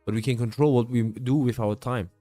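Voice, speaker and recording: A fairly quick, mellow mid-range voice with fairly even intonation belongs to a late-twenties day trading streamer. Weary from a long session, he talks casually through his trades on stream, answers chat, addresses viewers as "bro," and uses many fillers, while faint music runs behind.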